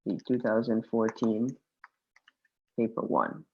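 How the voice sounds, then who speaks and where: Husky man tutoring. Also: on the low side, steady tone, slow, muffled recording. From Guyana, raised in the Bahamas. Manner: informal and hesitant, with frequent restarts. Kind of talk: online tutoring session. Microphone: video call.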